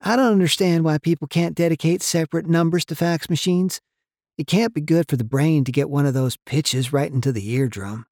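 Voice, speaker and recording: A man's voice: on the high side, fairly quick, a little mellow, dry recording, studio quality, voice pushed up. Man doing a fussy, chatty office lady. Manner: fussy, fretting, talkative. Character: chatty motherly middle-aged office woman.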